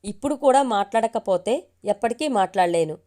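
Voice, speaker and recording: A man's voice: high-pitched, animated, fairly quick, mellow. A woman voicing a restrained, tender young husband in an audio story. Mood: earnest.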